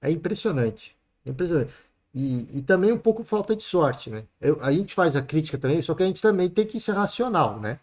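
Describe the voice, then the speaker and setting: A man's voice: on the high side, very animated, fairly quick, darkish tone. A man with a Brazilian accent hosting a sports podcast alone, giving casual football commentary in a chatty way. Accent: Brazilian Portuguese. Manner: chatty, peppers talk with "né" and "cara".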